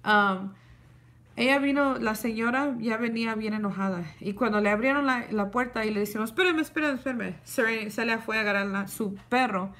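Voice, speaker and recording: Woman, young adult, casual storytelling, animated, code-switching. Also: a little high, moderate pace. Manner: animated, switches between Spanish and English. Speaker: vlogger. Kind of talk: casual storytime to a live audience.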